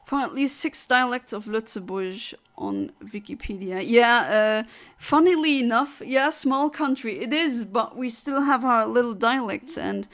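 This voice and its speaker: A woman's voice: a little high, expressive, a little slow, few pauses, a bit bright. A woman from southern Luxembourg, chatting casually on a gaming livestream, rambling as she reads out and answers chat. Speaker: streamer.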